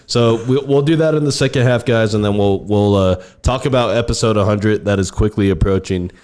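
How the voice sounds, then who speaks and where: Low-voiced American man hosting a podcast. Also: a little fast, darkish tone. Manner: profane, bantering. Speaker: podcast host. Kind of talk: casual podcast chat.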